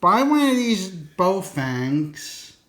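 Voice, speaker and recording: This high-pitched man sounds very animated and fairly bright, yet he talks very slowly. Presenting an instructional radio video, he explains things casually and without a script in a folksy, colloquial manner, rambling a little and repeating his warnings for emphasis.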